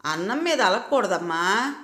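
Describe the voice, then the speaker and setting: A woman's voice: medium pitch, expressive, normal speed, a bit bright, roomy sound, lightly acted. A woman voicing a teasing young wife. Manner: teasing, mischievous.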